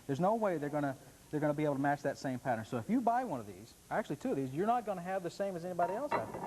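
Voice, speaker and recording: A man's voice: a little high, big pitch swings, racing, noisy background. A man demonstrating products on a home shopping show, selling in a folksy, joking patter. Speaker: guest product vendor and demonstrator. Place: TV studio demonstration set.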